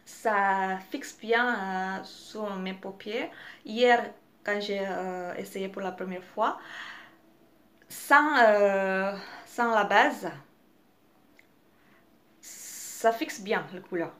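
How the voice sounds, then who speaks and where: A young woman, French not her first language, talks slowly through a casual makeup review. She hesitates often, stopping on fillers and restarting her phrases. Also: medium pitch, fairly bright tone. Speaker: beauty vlogger.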